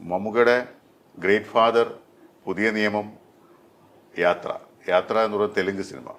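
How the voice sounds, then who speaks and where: A middle-aged man, a dubbing artist, talking in an interview with many pauses and fillers. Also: lowish voice, steady tone, fairly bright tone. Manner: hesitant, many fillers and restarts. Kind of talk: interview conversation.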